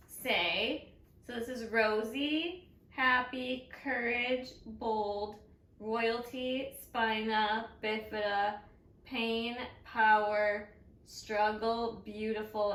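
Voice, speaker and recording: A woman's voice: a little high, a bit bright, echoey room, distant mic. A woman co-hosting a casual chat, playful and asking questions. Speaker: co-host.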